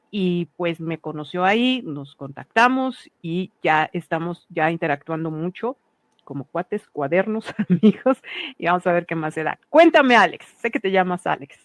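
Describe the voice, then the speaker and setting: A woman's voice: fairly low pitch, lively intonation, no echo. A woman hosting a channel and interviewing a guest over a video call, friendly and full of questions. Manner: friendly, inquisitive, quick questions. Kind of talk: casual interview chat.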